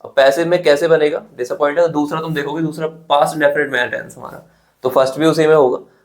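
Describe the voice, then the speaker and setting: A man's voice: a little high, steady tone, fast talker. An Indian man teaching an exam-prep English grammar lesson, explaining step by step and often checking in with his students. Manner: explains step by step, often asks "theek hai?".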